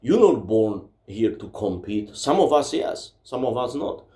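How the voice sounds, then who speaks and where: This Czech-accented book vlogger, a native speaker of Czech, launches into a blunt, swearing monologue in his home library. He sounds very animated yet keeps a measured pace, his mid-range voice dark in tone, and the space adds a roomy echo.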